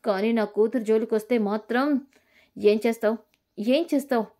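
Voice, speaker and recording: A woman's voice: a little high, normal speed, natural voice. A woman voicing a fierce young mother, desperate and angry about her kidnapped daughter. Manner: angry shouting, commanding.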